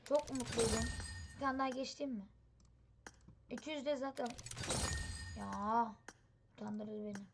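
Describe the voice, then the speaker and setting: A woman hosting a gaming channel, giving excited, impatient commentary on a mobile game. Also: on the high side, measured pace, long pauses. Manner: excitable, impatient, chatty exclamations. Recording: steady background noise.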